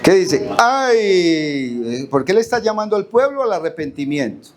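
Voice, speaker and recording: Colombian preacher with a higher voice. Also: male voice, big pitch swings, measured pace, a little hiss or hum. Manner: asks the congregation questions and answers them; reads verses aloud, drawing out key words. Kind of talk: Bible study sermon. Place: church hall.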